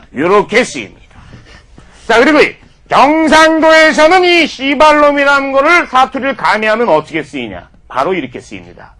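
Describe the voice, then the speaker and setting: High bright mock-lecturing man. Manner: mock-formal lecturing, peppered with profanity. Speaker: comedy lecturer.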